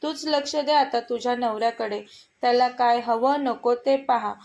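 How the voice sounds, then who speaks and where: A woman reading as an elderly, calm mother-in-law. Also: a little high, normal speed, natural voice. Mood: instructive. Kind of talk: storybook reading.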